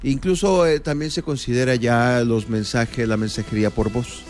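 A man's voice: medium pitch, fairly even intonation, normal speed, darkish tone, soft background music. A man with a Mexican accent co-hosting a radio show, explaining with examples and many fillers. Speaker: radio co-host. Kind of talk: casual radio banter.

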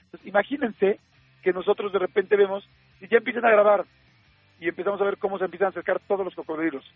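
A man with a Mexican accent, a radio host telling an anecdote in a lively way, full of fillers and acted-out quotes. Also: sits high, quick pace, no room sound. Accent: Mexican Spanish. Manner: lively storyteller acting out quoted dialogue, many fillers. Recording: narrow phone-like sound, faint music.

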